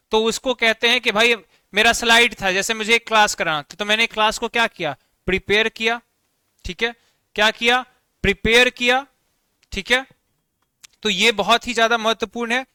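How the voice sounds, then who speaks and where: A man's voice: very high voice, sharp tone, clean tone, no room sound, studio quality. A man teaching a vocabulary lesson online, explaining words with everyday examples and often checking in with the class. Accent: Bihari Hindi.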